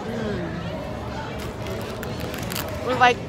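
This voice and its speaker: A woman's voice: fairly high pitch, extremely slow, background noise. A woman chatting enthusiastically through a mouthful of food as she reviews it, outdoors at a theme park at night. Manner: chatty, enthusiastic tasting remarks. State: mouth full. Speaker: food vlogger. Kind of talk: casual food review vlog. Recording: loud crowd and music outdoors. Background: loud crowd and music.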